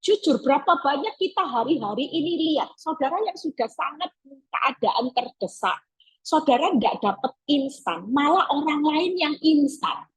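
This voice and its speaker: A woman's voice: high voice, lively intonation, normal speed, low-quality recording. A woman evangelist preaching a sermon over a video call, emphatic and acting out pleading prayers.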